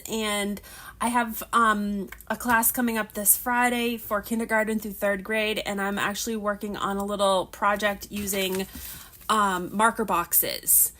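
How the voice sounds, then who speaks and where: Her voice sits a little high and comes out pushed and bright. She's a thirty-something livestream host making casual conversation over craft prep, a bit nasal due to allergies, wandering in her talk with frequent restarts.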